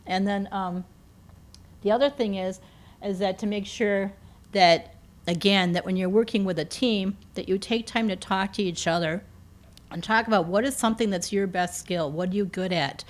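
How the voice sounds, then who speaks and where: A woman's voice: mid-range voice, moderate pace. A woman speaking informally to a campus audience in a meeting room, conversational with many "um"s and self-corrections, her voice slightly strained and giving out at times. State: slightly losing her voice, occasional coughs. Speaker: campus career development speaker.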